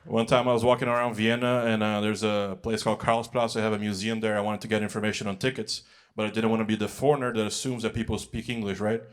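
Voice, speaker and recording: This young adult comic from the US works a large music hall stage at a quick clip, his voice on the low side and flat in delivery. He rambles through conversational stories with fillers and acts out what people said.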